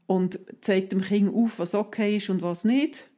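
A woman who calmly explains parenting advice, step by step, in a casual podcast chat. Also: medium pitch, unhurried.

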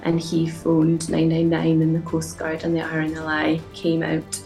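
A woman in her forties with a Highland Scottish accent, giving a conversational, reflective personal account in an interview. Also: monotone, moderate pace, gravelly, mellow, roomy sound, faint music behind, rough recording. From Inverness, Scottish Highlands. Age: 40s. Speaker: rescued paddleboarder telling her own story.

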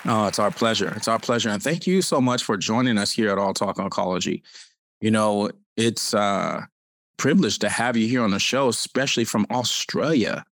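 Guy hosting a podcast, keeps repeating himself, low voice, dry sound. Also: moderate pace, fairly bright tone, dry recording. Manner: effusive, repeats phrases. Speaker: podcast host. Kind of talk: enthusiastic podcast interview.

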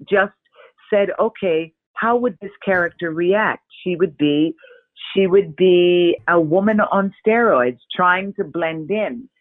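A woman actor, an interview guest, telling stories in an expressive, animated way. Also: lowish voice, no echo. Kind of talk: casual interview chat. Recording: dry, tinny phone-like line.

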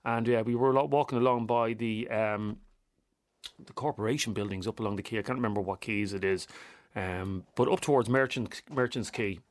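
A man's voice: on the low side, fairly even intonation, normal speed, no echo, studio quality. A middle-aged man, hosting a radio phone-in conversationally and pressing his points with repeated phrases.

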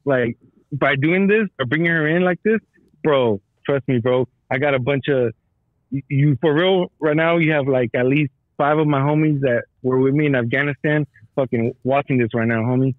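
A man's voice: medium pitch, moderate pace, dry recording. Dull lo-fi male caller, slangy and profane. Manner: profane, slangy, repeats himself. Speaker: military veteran calling in to a podcast. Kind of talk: casual chat. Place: calling from a garage. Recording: dry, dull lo-fi call audio.

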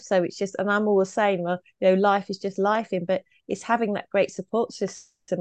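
A woman's voice: mid-range voice, a little mellow, dry recording. A woman speaking as a podcast guest and trauma coach, talking chattily and giggling as she acts out quoted voices. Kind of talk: conversational interview answers.

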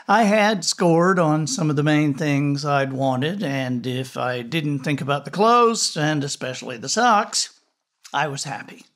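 Reflective male narrator, unhurried, slightly raised voice, gentle with quiet whispered moments. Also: fairly high pitch. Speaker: storyteller. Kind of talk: scripted narration.

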